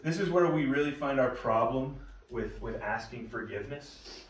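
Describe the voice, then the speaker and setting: A man's voice: medium pitch, expressive, normal speed, slight background noise. A man, a pastor, leading a casual church Bible study as a conversational storyteller with frequent restarts. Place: church meeting room. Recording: roomy room, mic at a distance.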